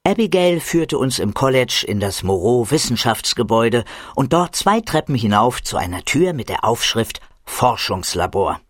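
Lively male audiobook narrator. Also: medium pitch, moderate pace, hardly any pauses, no room sound, clean studio sound. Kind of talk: first-person audiobook narration.

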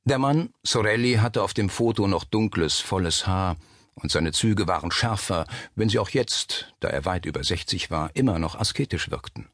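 A man reading a suspense novel aloud as narrator, measured and steady. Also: deep voice, no room sound, studio quality. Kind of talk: scripted audiobook narration.

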